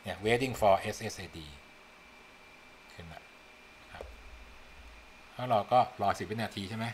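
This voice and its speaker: A programming instructor gives a casual tutorial, talking viewers through his screen and thinking aloud as he types, chatty and coaxing them along. His voice is lowish and slow, with slight background noise.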